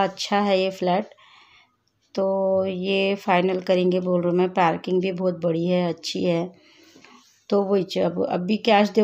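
A woman's voice: mid-range voice, darkish tone. A woman vlogger chatting casually to her viewers, recounting her troubles with a landlord and sounding worried. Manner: chatty, retelling quarrels with quoted lines; worried, complaining tone. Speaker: family vlogger. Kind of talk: casual vlog chat. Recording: slightly dull, lo-fi sound.

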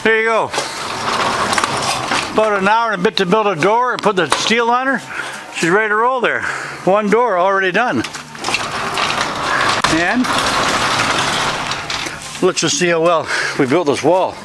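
A man's voice: high voice, unhurried, long pauses. Folksy older man on noisy camera. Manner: chatty, folksy, joking about his own work. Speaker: hobby pilot building hangar doors. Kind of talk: casual how-to narration while working. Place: outdoors at a farm hangar. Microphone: handheld or head camera mic. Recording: noisy outdoor camera audio.

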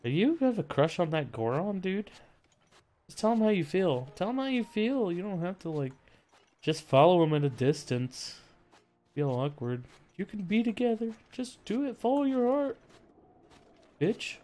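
A man streaming a game live, reacting loudly, swearing often and mocking himself as he plays. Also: high-pitched, normal speed. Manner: excitable, swears a lot, mocks himself. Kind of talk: live gameplay commentary.

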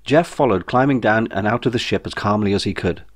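A man with a fairly low voice, the author reading his own book, narrates a comic science fiction novel. His delivery is wry, dry, and a little fast.

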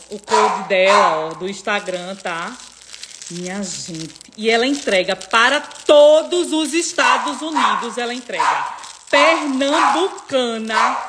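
In a home vlog recorded on a phone, a woman from Northeast Brazil chats emotionally with her followers in a Northeastern Brazilian Portuguese accent, repeatedly addressing her viewers. Her voice is fairly high, and the recording is very noisy.

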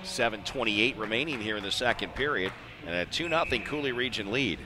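Speaking briskly in a voice on the low side, an American man delivers conversational ice hockey play-by-play in clipped phrases. It's a live arena broadcast with clear background noise.

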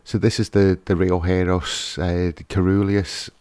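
A man's voice: deep voice, flat delivery, unhurried, darkish tone, clean tone, no echo. A man hosting a fishkeeping channel, giving a casual, hesitant voice-over with lots of fillers and restarts.

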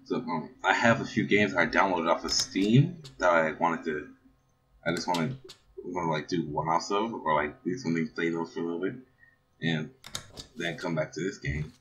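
A man's voice: low voice, fairly even intonation, normal speed, a bit bright, slight background noise. A man hosting a gaming video in casual commentary, rambling with many fillers and repeated words, on a computer microphone. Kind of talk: casual let's play commentary. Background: laptop fan whirring.

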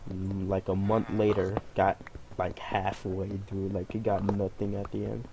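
A man's voice: deep voice, little pitch movement, a little slow. A man hosting a gameplay video at home, chatting casually and rambling as he plays. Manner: rambling, hums to himself. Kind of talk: casual game commentary. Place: family home. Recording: noisy home recording.

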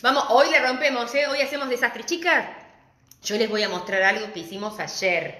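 A middle-aged woman with an Argentine accent, teaching a live-stream craft class and greeting viewers warmly and chattily. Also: fairly high pitch, normal speed. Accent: Argentine Spanish. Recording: echoey room.

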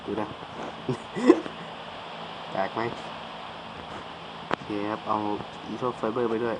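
A man's voice: lowish voice, level tone, moderate pace, heavy background noise. Crude, joking young man playing a game. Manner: crude, joking, talks to himself and viewers. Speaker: mobile game streamer. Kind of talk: casual game commentary. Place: home game-casting room. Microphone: phone mic, speaking away from it.

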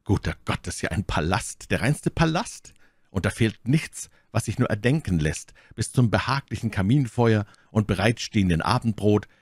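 A man's voice: on the low side, expressive, moderate pace, a little mellow, breathy edge, no echo, clean studio sound. Man doing a melodramatic despairing friend. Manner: theatrical, self-pitying.

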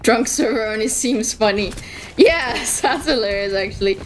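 A woman's voice: a little high, normal speed, slight background noise. A young woman streaming a game, chatting casually and giggling as she reacts to the match and her chat.

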